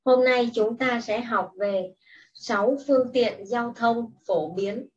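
Slow, patient woman teacher, muffled and distant. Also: a little high, a little mellow. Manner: patient and explanatory, giving clear instructions. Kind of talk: slow, deliberate classroom instruction. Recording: distant, muffled mic with faint hiss.

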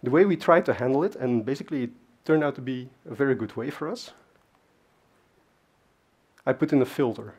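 With a medium-pitched, slightly mellow voice that has a breathy edge, a Dutch man gives a casual technical talk on a large, dark conference stage. He speaks a little fast but leaves long pauses, and his delivery is conversational, loaded with fillers and asides.

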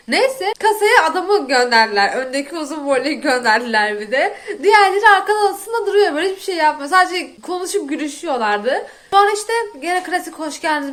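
A woman's voice: sits high, a bit bright. A young woman vlogger telling a story in casual chat, exasperated and often breaking into laughter as she rants. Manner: exasperated, laughing while ranting.

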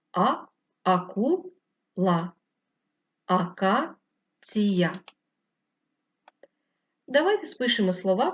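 A woman teacher giving a slow, clear first-grade lesson, patiently spelling words out syllable by syllable. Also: medium pitch, darkish tone. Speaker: primary school teacher. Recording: slightly dull lo-fi recording.

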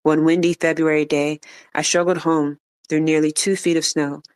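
An audiobook reader narrating an autobiography aloud in a measured, even manner. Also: medium pitch, clean tone.

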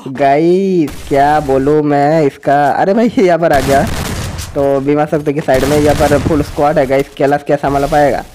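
A man, a gaming YouTuber, giving excited, crude-slang commentary as he cheers on his teammates during a match. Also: a little high, normal speed, slight background noise. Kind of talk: excited live gameplay commentary.

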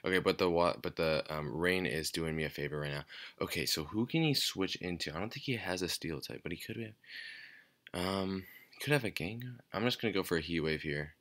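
A man giving casual, off-the-cuff game commentary in a quiet, low-energy, hesitant and rambling way. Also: lively intonation, brisk. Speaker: gaming channel host. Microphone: speaking away from the mic at times.

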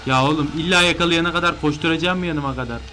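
A man commenting live on a horror game he is playing, excitable and panicky when chased. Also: a little high, rapid-fire. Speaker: gameplay streamer.

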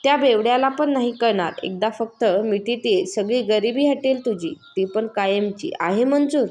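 A woman's voice: a little high, moderate pace, a little mellow, natural voice. A woman doing a scheming village moneylender man. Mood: coaxing. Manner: menacing, coaxing then threatening.

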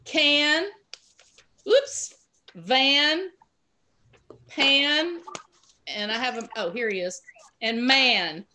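A woman's voice: sits high, drawn-out words, long pauses, bright, forceful tone. A woman teaching an online pre-K class, giving patient, encouraging prompts over a video call.

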